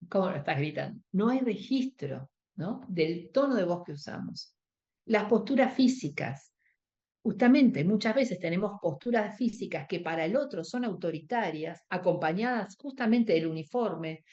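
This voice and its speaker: A woman's voice: mid-range voice, a little mellow, dull audio. A woman with a Rioplatense Spanish accent teaching a workshop on emotional first aid, explaining step by step, acting out quoted dialogue and checking in with her listeners. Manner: explanatory, acts out quoted dialogue, asks the audience for agreement. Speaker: workshop instructor.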